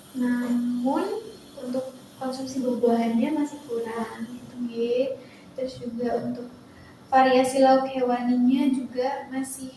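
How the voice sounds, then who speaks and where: A woman's voice: sits high, warm tone. A young woman, a nutrition student, politely asking questions and summarizing in a counseling interview. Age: young adult. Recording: very echoey room with faint noise.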